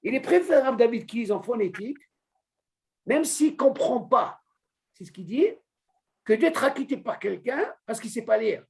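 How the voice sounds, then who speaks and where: Man, religious teacher, informal lesson, lively swooping pitch, questions the students. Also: normal speed, vocal fry. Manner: animated, repeats a student's name, asks questions. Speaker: Torah teacher.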